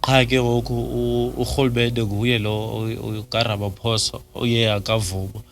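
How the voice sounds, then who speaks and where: A man's voice: medium pitch, little pitch movement, moderate pace, slight background noise. A man from South Africa with a Xhosa accent, hosting an interview in a conversational way. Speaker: interviewer, host. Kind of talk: conversational interview questioning, mixing in English.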